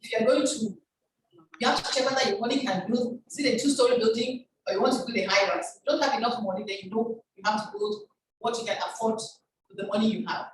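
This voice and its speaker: A woman's voice: fairly high pitch, fast talker. Older woman lecturing on a conference call. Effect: conference call audio. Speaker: guest speaker, chief pharmacist. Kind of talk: formal presentation. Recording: echoey, distant online conference call with background noise.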